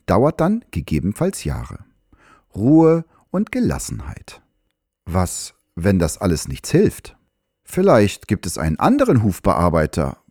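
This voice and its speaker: A man, a farrier, giving calm, measured advice in scripted explanatory narration. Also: lowish voice, no room sound, clean studio sound.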